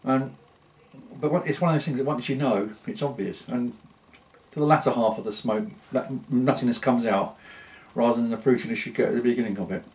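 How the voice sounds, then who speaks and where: Unhurried British man chatting casually. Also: medium pitch, darkish tone, low-quality recording. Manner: unhurried, rambling, with pauses. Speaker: pipe-smoking vlogger. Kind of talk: casual unscripted chat to camera.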